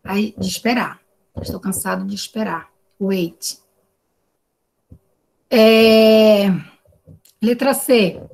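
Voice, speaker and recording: A woman's voice: medium pitch, steady tone, extremely slow, creaky, long pauses, a little mellow. A woman with a Brazilian Portuguese accent teaching an online class over a video call, explaining patiently and often checking in with tag questions. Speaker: English teacher.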